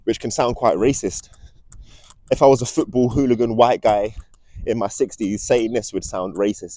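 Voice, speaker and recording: The young man behind this vlog speaks in a dark, lowish voice while walking outside, rambling casually to camera in an earnest and ominous way. There's no echo on the recording.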